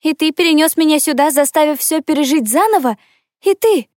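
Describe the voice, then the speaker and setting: A man voicing a fierce, betrayed young woman, high and hissing. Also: moderate pace, darkish tone, no room sound, studio quality. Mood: furious.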